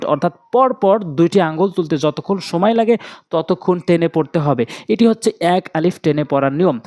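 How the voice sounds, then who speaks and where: A man with a Bangladeshi Bengali accent teaching Quran recitation step by step, slowly repeating and drawing out syllables in drills. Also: high voice, darkish tone.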